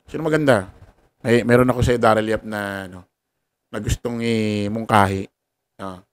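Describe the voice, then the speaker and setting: A man's voice: on the low side, steady tone, normal speed, no room sound. A man giving casual political commentary, rambling and forgetful, laughing often and tossing in salty asides. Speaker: online commentator.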